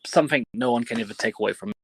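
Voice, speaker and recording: A man giving casual interview answers as a professional wrestler, in halting, fragmented phrases with some casual swearing. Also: mid-range voice, breathy edge.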